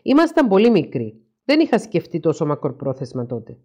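A frustrated, confused young husband, read aloud by a woman, confiding his hurt in a plain way. His voice sits low but rises and falls a lot. He sounds worn down. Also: wildly swooping pitch, mellow, heavily acted. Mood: rueful.

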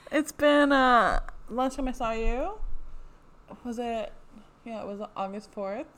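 A woman's voice: fairly high pitch, slow, fairly bright tone. A young woman co-hosting a casual podcast, talking in a dry, teasing way. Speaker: podcast co-host.

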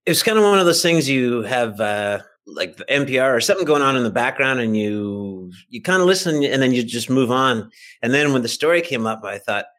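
A middle-aged or older man with a mid-range, slightly bright voice speaks a little fast, with lively intonation. As a fiction writer on a podcast, he shares anecdotes in a relaxed, self-deprecating way.

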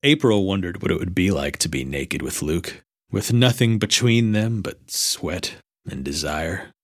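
A man's voice: sits low, expressive, measured pace, no echo, studio quality. Man narrating with wry storybook flair. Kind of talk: mock-romantic comedy narration.

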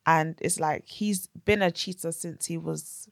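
A woman's voice: low voice, steady tone, a little slow, vocal fry, dry recording, studio quality. A young woman with a London accent chatting casually in a slangy, emphatic way. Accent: London, urban slang. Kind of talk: casual gossip and chat.

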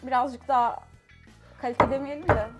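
A woman co-hosting a casual show, teasing the players with riddle-like clues and quickly turning down their wrong guesses. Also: high voice, fairly even intonation, loud music behind the voice. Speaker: co-host. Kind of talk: casual chat, giving clues in a guessing game.

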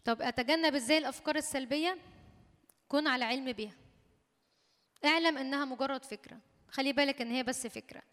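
A woman with an Egyptian Arabic accent preaching a sermon in a lively, conversational teaching manner. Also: sits high, quick pace, pauses often. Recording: hall reverb.

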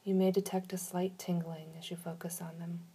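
A woman leading a guided relaxation in a soft, soothing manner, giving slow instructions with long pauses. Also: lowish voice, flat delivery, a little hiss or hum.

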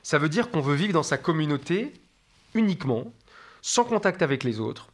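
A man's voice: a little high, big pitch swings, moderate pace. A man speaking as a guest expert in an interview, explaining in a didactic way and stacking up lists of examples.

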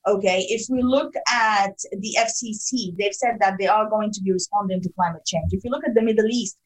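A woman's voice: mid-range voice, fairly quick, rough recording. A woman from Sudan, a guest researcher, explaining her findings emphatically in a podcast interview.

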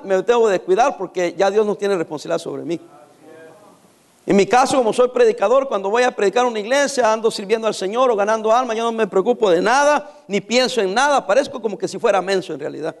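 A man's voice: sits high, lively intonation, quick pace. A man in his fifties preaching a sermon, teasing his congregation with jokes and dramatic stories. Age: 50s. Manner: joking, teasing storyteller.

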